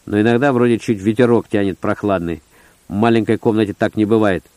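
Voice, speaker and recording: A man's voice: lowish voice, steady tone, fairly quick, darkish tone, dry recording. A man reading a first-person story aloud in short, terse, gritty phrases. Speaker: audiobook narrator. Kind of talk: first-person audiobook narration.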